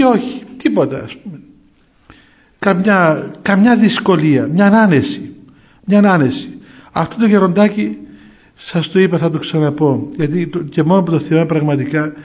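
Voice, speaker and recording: A man, a monk, preaching through stories in a lively way, chuckling often and asking rhetorical questions. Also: high-pitched. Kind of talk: storytelling sermon. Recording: dull lo-fi recording.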